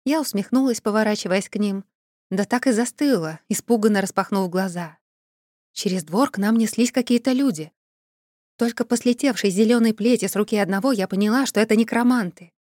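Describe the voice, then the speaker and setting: A woman narrating a first-person fantasy novel in an expressive, dramatic way. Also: medium pitch, a little fast, dry recording, clean studio sound. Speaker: audiobook narrator.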